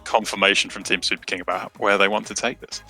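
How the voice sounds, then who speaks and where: A man's voice: fairly low pitch, fairly even intonation, fast, pushed and bright, soft background music. A British man casting a live esports match, chatty and self-mocking. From Britain. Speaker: esports caster.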